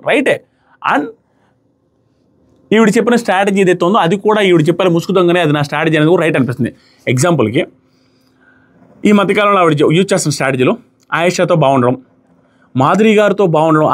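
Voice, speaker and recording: A man with a high voice talks fast as he gives an opinionated episode review. He drives home his points by repeating them emphatically. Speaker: reality show reviewer.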